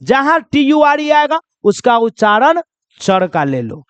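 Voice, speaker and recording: A man with a very high, sing-song voice, fairly bright and clear with a resonant tone, teaches pronunciation in a dry recording with the highs cut off. In this classroom lesson he spells words out slowly, answers his own questions, and repeats key points.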